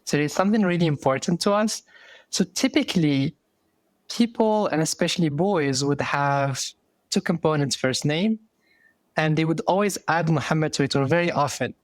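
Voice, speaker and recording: A man's voice: a little high, moderate pace, no echo. Moroccan man, thoughtful and dry-voiced. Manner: thoughtful, with frequent fillers and restarts. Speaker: guest. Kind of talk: casual interview.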